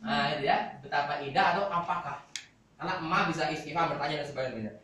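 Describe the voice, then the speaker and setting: A man's voice: on the high side, fast talker, sharp tone. A male Quran teacher giving a classroom lecture, explaining step by step and asking the class questions. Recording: echoey hall, voice from far off.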